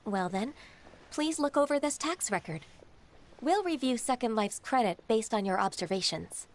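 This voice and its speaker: A calm, dutiful young official in a video game. She speaks with a slightly high, gentle voice and stays polite and measured. Her manner is composed and steady. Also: a little hiss or hum. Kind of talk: game voice acting.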